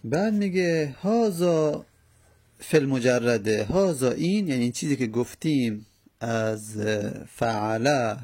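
A man teaching a grammar lesson, explaining slowly step by step with many pauses and fillers. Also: medium pitch, animated, darkish tone.

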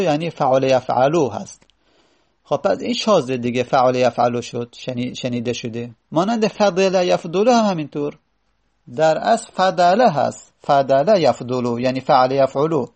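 Gravelly man teaching grammar step by step. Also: medium pitch, darkish tone. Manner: explains step by step, repeating words slowly and drawn out. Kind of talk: classroom lesson.

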